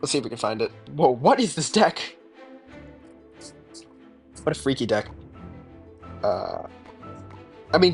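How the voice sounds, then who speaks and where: A man casually commenting on his own gameplay during a live stream, laid-back and mumbling asides as he reacts to chat. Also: mid-range voice. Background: game music.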